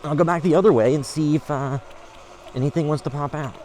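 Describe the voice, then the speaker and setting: A man's voice: a little high, fairly quick, warm tone, lightly acted. Man acting as amateur monster hunter, found-footage horror, hesitant, offhand, skeptical, faint outdoor noise. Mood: musing, wary. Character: casual skeptical male amateur creature hunter filming himself. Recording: noisy location sound.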